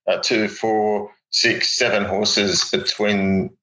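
A man's voice: fairly low pitch, flat delivery, takes it slowly, sharp tone, low-quality recording. An Australian man giving horse racing tips and analysis in a casual, matey, plain-spoken chat. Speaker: horse racing tipster, co-host.

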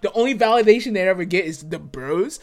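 A man's voice: high voice, expressive. A man hosting a podcast in casual chat, joking and swearing freely. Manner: joking, swearing, quick to laugh. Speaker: podcast host.

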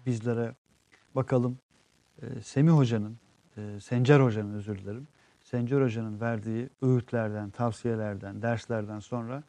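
A man co-hosting a casual live show, reading viewer comments and explaining at length in an earnest way, often trailing off with drawn-out fillers. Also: medium pitch, fairly even intonation, warm tone, no room sound. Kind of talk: casual live-stream chat.

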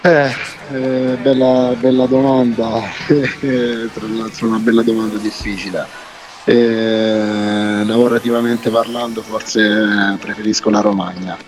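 A man's voice: lowish voice, level tone, slow pace. A young man with a southern Italian accent from Puglia, chatting casually as a club DJ guest, with brief, repetitive and hesitant answers. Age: young adult. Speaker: club DJ and music producer, radio guest. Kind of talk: casual interview chat. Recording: background music, remote link.

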